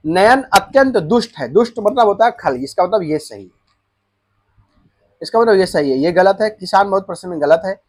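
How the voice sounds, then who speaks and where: A man's voice: high voice, expressive, normal speed. A young man who teaches an exam-prep lesson, often repeating answers and asking students whether they follow. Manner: explains answers by repeating them and checking in with students.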